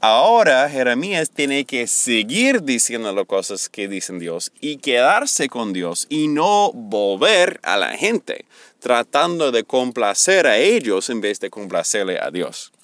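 A middle-aged man teaching on Bible words, earnest and slow, mixing a personal confession into his explanation. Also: mid-range voice, big pitch swings, a bit bright, no echo. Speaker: preacher.

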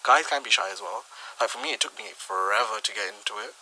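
A man's voice: on the low side, fast talker, pushed and bright, poor audio. A young man co-hosting a podcast, chatting casually and giving laid-back advice. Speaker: podcast co-host. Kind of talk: casual chat.

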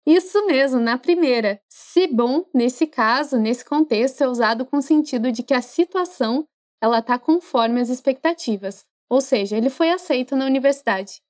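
A woman, teaching French in a podcast lesson, chatty and encouraging, slowing down to model pronunciation. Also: sits high, darkish tone.

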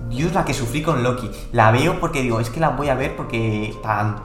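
A man co-hosting a podcast, speaking with a Spanish accent at a middling pitch. He talks in an exclamatory, rambling way and often restarts his sentences. His voice rings in an echoey room with faint music underneath. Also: moderate pace. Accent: Spain Spanish. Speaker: podcast co-host. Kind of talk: casual chat.

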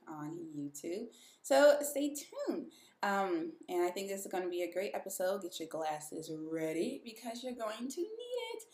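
A woman's voice: lowish voice, darkish tone. A woman hosting a podcast, chatty and emphatic, speaking casually and directly to her listeners in an echoing room. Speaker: podcast host. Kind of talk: casual podcast episode introduction. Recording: echoey, reverberant room.

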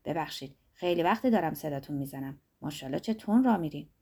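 A woman reading the lines of an earnest young male student who answers softly and insistently. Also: low voice, lively intonation, husky, pitched below the performer's own voice. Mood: pleading.

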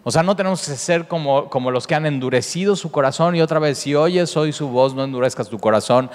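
A man's voice: a little high, brisk. A man preaching a sermon as pastor, earnest, often rephrasing himself and circling back to a point. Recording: long reverb of a large hall.

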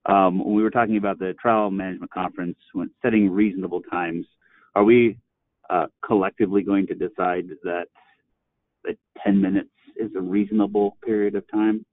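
A man's voice: deep voice, fairly even intonation, brisk, no room sound. A man taking part in a judicial training call, asking a question in an apologetic, self-deprecating, hesitant way. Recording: tinny dry phone-line audio.

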